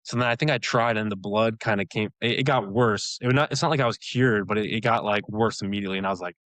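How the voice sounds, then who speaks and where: A man with a lowish voice recounts his experiences in a relaxed, rambling way, dotting his talk with fillers and quick laughs. The sound is close and dry, with no room around it. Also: no room sound. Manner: relaxed storytelling, many "like" fillers, laughs often. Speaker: guest, elite runner. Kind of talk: casual interview chat.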